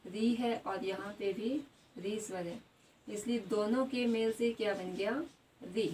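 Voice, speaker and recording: A woman teacher giving a grammar lesson. She puts questions to the class, answers them herself and repeats each word slowly. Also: medium pitch, darkish tone. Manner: adds a tag question after most points. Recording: slightly distant mic with faint background noise.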